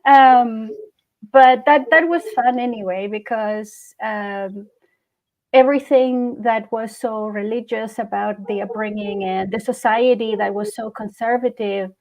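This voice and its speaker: Here the same kind of guest appears: a Chilean hypnotherapist and channeler in her forties, Spanish-speaking, sharing personal stories in a relaxed interview. She speaks at a measured pace with a fairly high, fairly even voice, and the recording sounds rough.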